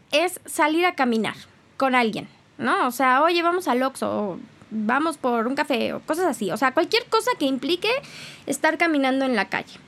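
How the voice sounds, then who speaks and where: A young Mexican woman hosting a casual solo podcast, talking in a loud, expressive way and laughing often. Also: high voice. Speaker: podcast host.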